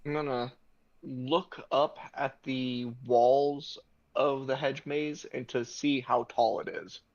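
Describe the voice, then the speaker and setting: A man in a tabletop role-playing game speaks in a flat, even, matter-of-fact way. His voice comes through a muffled, lo-fi microphone. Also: mid-range voice, slow, vocal fry. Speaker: player. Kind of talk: casual tabletop role-play chat. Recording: dull lo-fi mic.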